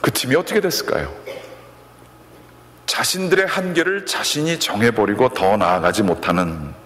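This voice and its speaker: A man preaching a sermon as a pastor, telling a story and acting out a coach's shouted encouragement. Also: mid-range voice, moderate pace, a little hiss or hum. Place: church sanctuary. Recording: long reverb of a church hall.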